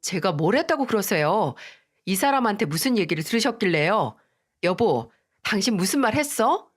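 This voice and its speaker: A woman's voice: mid-range voice, very animated, moderate pace. A woman voicing a defiant young wife who snaps dismissively at her mother-in-law in a read-aloud family drama story. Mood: irritated. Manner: snappish, dismissive.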